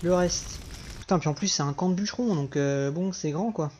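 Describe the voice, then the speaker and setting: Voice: mid-range voice, normal speed, a little mellow, slight background noise. A let's player giving casual, informal gameplay commentary, thinking aloud with some mild swearing. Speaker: video game let's player.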